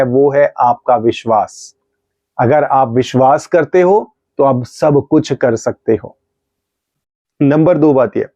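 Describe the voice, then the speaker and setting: A middle-aged male pastor preaching a testimony with fervent, storytelling energy, voice pitched a touch high. His tone is mellow rather than bright. The recording is slightly dull and dry, with no room around it. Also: no echo. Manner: fervent storytelling, acts out his own rebukes. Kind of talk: testimony sermon.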